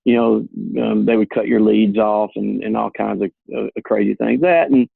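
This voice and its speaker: A man with a husky, gravelly voice talks earnestly and plainly as an insurance agent explaining how plans work. His voice comes through a thin, tinny phone line. The sound is dry, with no room around it. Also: fairly low pitch, steady tone, moderate pace, no room sound. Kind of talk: casual explanatory talk on a call.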